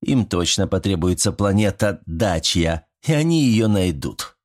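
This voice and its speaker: Low-voiced male audiobook narrator. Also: expressive, a little slow, darkish tone. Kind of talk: scripted narration.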